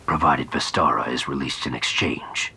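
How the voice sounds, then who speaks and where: A man's voice: a bass voice, moderate pace, bright, forceful tone, a little hiss or hum, pitched below the performer's own voice, heavily acted. A man voicing an angry male Sith warrior, his voice buzzing through a helmet, terse and hostile.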